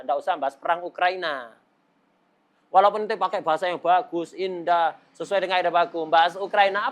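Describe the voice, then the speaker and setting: Joking, casual male religious teacher. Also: fairly high pitch. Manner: casual and joking, mixing Arabic terms into everyday speech. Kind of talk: classroom lecture on Arabic rhetoric.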